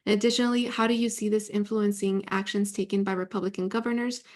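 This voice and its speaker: A woman moderator reads a prepared question to the panel in a measured, formal tone. Her pitch barely moves, giving a steady, even delivery.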